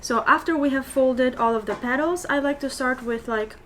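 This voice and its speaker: A paper flower crafter, whose first language is Albanian, teaches flower making on a live stream, chatting, reading comments, and using lots of fillers and restarts. Her voice is high-pitched and a bit bright, at normal speed, with slight background noise.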